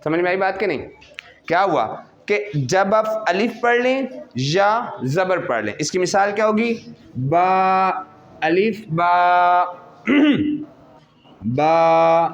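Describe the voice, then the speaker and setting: A man with a Pakistani Urdu accent teaching a class how to recite, drawing out sounds slowly to model them and asking and answering his own questions. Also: high-pitched, fairly bright tone, dull audio.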